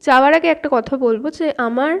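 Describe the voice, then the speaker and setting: High-voiced woman patiently teaching pronunciation. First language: Bengali. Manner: patient, repeats sounds slowly, asks "okay?" often. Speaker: Korean language teacher. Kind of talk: casual spoken lesson.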